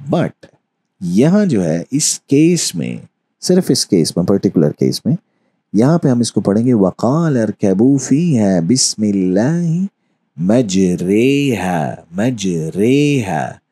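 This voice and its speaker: A man teaching a course on Quran recitation, explaining patiently and reciting verses slowly. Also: fairly low pitch, dark tone, breathy edge. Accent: Urdu-speaking Pakistani. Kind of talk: online lesson.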